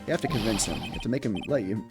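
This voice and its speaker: A man's voice: lowish voice, animated, rapid-fire, voice pushed down, close to an everyday voice. A man voicing a spirited young female assistant, with game music behind. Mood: pleading.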